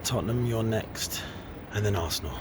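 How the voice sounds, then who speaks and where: A young man, vlogging casually in a hurried, chatty way outside, sometimes half-whispering. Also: on the low side. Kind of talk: casual vlog to camera. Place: outdoors by busy city streets. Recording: loud traffic and street noise.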